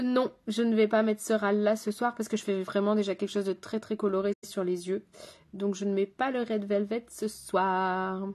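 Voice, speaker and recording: A woman's voice: medium pitch, a little mellow. A woman with a French accent, a makeup artist chatting with viewers while doing her makeup on a live stream. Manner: chatty, talks straight to viewers and chat.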